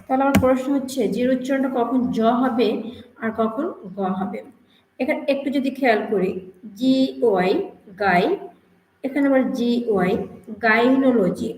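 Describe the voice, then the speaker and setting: A woman teaching an English grammar lesson, explaining slowly, repeating words and asking questions to her students. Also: high-pitched, a little mellow. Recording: echoey room with faint hiss.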